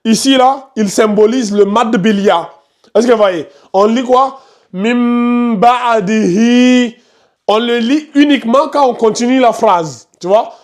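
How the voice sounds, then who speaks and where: A fairly high-pitched man teaching tajwid to his students over a video call. He repeats his points and keeps pointing at the screen. He gives careful, patient explanations. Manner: repetitive, pointing out details on screen, scolds noisy students. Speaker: Quran recitation teacher. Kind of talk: online class teaching tajwid.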